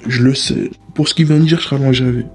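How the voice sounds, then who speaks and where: A young man telling a casual, rambling story about his job, slangy and relaxed, with frequent asides to the listener. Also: medium pitch, very fast. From Paris area.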